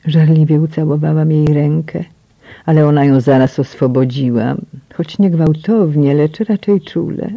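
Woman audiobook narrator, breathy and hushed, emotional first-person read, dry slightly muffled sound. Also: sits low, normal speed, dry recording. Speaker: audiobook reader.

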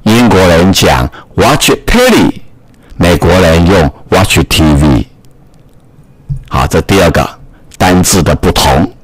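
A male English teacher giving a recorded reading lesson. He reads short English phrases slowly, then explains them in Mandarin, patiently repeating and rephrasing each point. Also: sits low, big pitch swings, crowd noise.

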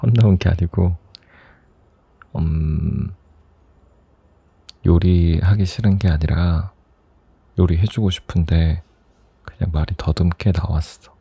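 A young man performs an ASMR role-play as a teasing, caring boyfriend. His voice is very dark and mellow, with a breathy, husky texture. He takes his time, speaking softly and intimately right at the mic. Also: low voice, fairly even intonation, slow, long pauses, no echo. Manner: soft, intimate, teasing, chuckling. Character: teasing, doting boyfriend on a late call. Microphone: close microphone.

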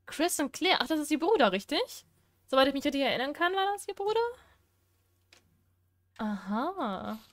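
A woman's voice: sits high, very animated, normal speed, long pauses, no room sound. A young woman commenting on a horror game, chatty and jumpy, talking to herself and the characters. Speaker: let's play gamer.

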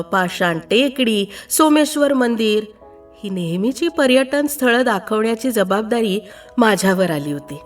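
A woman storyteller giving an expressive dramatic reading of a story, in a slow, deliberate way. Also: mid-range voice, far from the mic.

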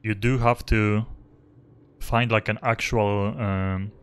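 Close to a desk mic without a pop filter, a young streamer rambles casually through live commentary while faint game music plays. He speaks slowly and smoothly in a lowish voice with fairly even intonation.

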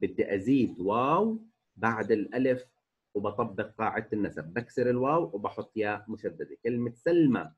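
A man teaching a remote grammar lesson, slowly stretching out example words and repeating each rule. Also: on the low side, lively intonation, slightly rough, highs cut off. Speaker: Arabic teacher. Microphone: recorded voice-over for a distance lesson.

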